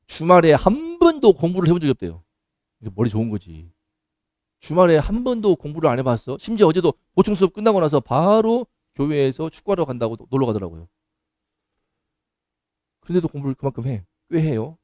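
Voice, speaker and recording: A man, a pastor, preaching a sermon with anecdotes, moving between calm storytelling and loud, scolding exhortation. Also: fairly high pitch, no echo, studio quality. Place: church sanctuary.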